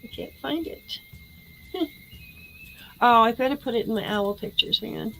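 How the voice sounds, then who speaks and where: Middle-aged woman, casual live-stream host, excitable and chatty, slightly high pitch. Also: moderate pace, creaky, soft background music, poor audio.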